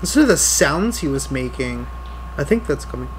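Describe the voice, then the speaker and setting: A man in his thirties giving casual, excitable, sweary reaction commentary as a video host in a small home office. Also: medium pitch, normal speed, noisy background.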